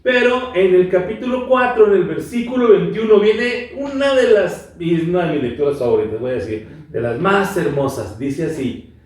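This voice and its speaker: A man, co-hosting a Bible reflection talk show, who reads scripture and acts out the quoted lines with lively energy. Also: high voice, normal speed. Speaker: co-host reading scripture. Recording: very echoey room, far from the mic.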